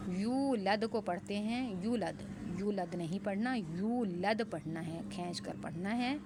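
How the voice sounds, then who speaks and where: A woman Quran teacher giving a tajweed lesson, explaining patiently and spelling out syllables slowly before reciting them. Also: lowish voice, gravelly, background noise.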